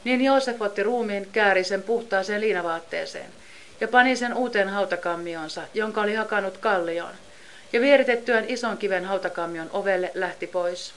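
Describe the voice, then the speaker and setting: A woman's voice: medium pitch, fairly bright tone. Woman reading scripture evenly. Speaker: scripture reader.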